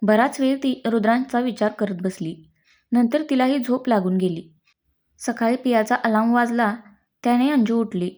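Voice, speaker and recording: A woman's voice: fairly high pitch, moderate pace, a little mellow. A woman with a Marathi accent reading a story aloud and giving every character's lines in her own voice. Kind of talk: scripted story narration.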